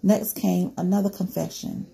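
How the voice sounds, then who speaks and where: Warm-voiced woman questioning her viewers. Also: fairly low pitch, steady tone, moderate pace, creaky, breathy edge. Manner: conversational, poses questions to viewers, many "you know" fillers. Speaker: true crime commentator. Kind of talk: reading a news report, then casual commentary to viewers.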